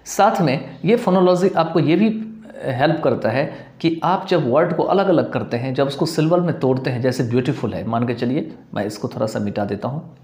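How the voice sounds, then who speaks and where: A man's voice: mid-range voice, normal speed, a little mellow, echoey room. A man teaching a lesson, explaining as he writes on a board and mixing English terms into his talk with rhetorical questions. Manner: mixes English terms and read-out quotes into Hindi, checks with rhetorical questions.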